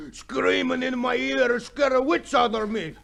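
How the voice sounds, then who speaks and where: An actor playing a middle-aged, irritable and excitable working-class father in an old radio comedy-drama. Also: very high voice, creaky, full character voice. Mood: exasperated. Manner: irritable, exasperated complaining.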